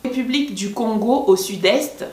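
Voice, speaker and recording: A woman's voice: a little high, moderate pace, a little mellow. A woman from West Africa, chatting casually in a vlog, explaining things and laughing often. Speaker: vlogger. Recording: echoey room.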